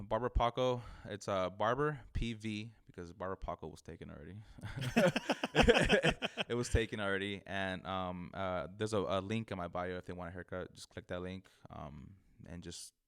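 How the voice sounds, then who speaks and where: Deep-voiced man with a lisp. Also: gravelly, fairly bright tone, clean tone. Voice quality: lisp from lost front teeth. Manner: earnest, halting with repeated words, frequent "you know". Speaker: barber, podcast guest. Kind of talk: casual interview chat.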